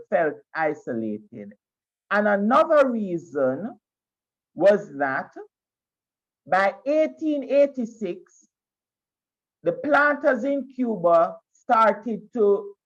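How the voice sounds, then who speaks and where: A man's voice: high-pitched, fairly bright tone. A man teaching a history class over a video call. He lectures, often restarting and repeating phrases as he explains. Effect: video call audio. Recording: dull lo-fi video call sound.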